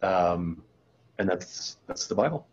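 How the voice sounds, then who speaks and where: A man's voice: low-pitched, takes it slowly, muffled recording. A middle-aged man, a former college basketball player and author, telling stories as a guest in an interview, with frequent restarts. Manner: animated anecdotes with many restarts. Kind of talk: storytelling interview talk.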